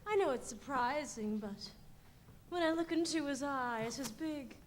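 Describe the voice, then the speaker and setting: A woman's voice: sits high, animated, a little slow, a little hiss or hum. A young woman playing a drowsy, worldly chaperone. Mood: languid. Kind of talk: stage musical acting.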